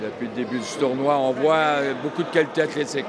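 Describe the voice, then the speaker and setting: A man's voice: medium pitch, quick pace, crowd noise. A man with a Quebec accent giving colloquial live boxing commentary. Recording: noisy venue background.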